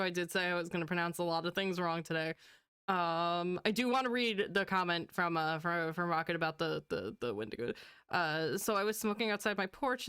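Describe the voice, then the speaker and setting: Bright-voiced giggly young woman. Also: on the low side, smooth, dry recording, studio quality. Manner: giggly, playful. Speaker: podcast co-host. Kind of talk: casual chat.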